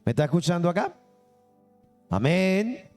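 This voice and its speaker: A man's voice: sits high, very animated, measured pace, darkish tone, soft background music. A man preaching a Sunday sermon as pastor, emphatic and quizzing the congregation with questions. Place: church service.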